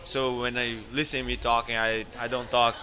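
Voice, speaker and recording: An Italian restaurant owner in his thirties, speaking with an Italian accent in a brisk, mid-range voice, tells stories during a casual interview against a noisy background. As the guest, he's animated, laughs often, and acts out the voices of people he quotes.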